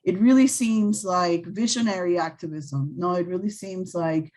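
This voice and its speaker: Thoughtful woman panelist, slightly low voice. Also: normal speed, a little mellow, low-quality recording. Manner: thoughtful, many fillers and restarts. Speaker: scholar on a panel. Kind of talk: panel discussion. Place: event venue.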